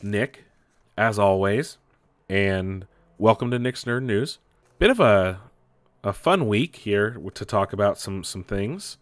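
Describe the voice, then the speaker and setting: Male podcast host, lower register, casual and unscripted, often correcting himself, recorded close and dry. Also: dry recording. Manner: loose, off-the-cuff, hesitant, self-correcting. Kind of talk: casual solo gaming and entertainment news podcast.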